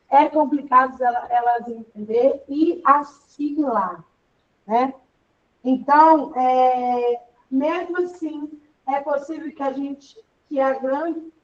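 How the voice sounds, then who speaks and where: A woman's voice: high voice, distant mic, muffled recording. A woman teaching an online class in a chatty, rambling way, full of fillers.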